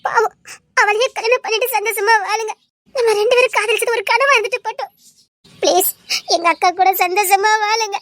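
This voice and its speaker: A woman's voice: very high voice, steady tone, brisk, fairly bright tone, no echo. A woman voicing a tearful young woman who begs, while crying, for her sister's happiness. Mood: pleading. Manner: tearful, pleading. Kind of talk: amateur drama dialogue.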